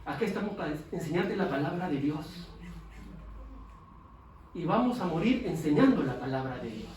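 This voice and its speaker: A man's voice: a little high, animated, moderate pace, darkish tone. A man preaching a sermon as pastor, emphatic and repetitive. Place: church. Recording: echoey church hall from a distance, faint noise.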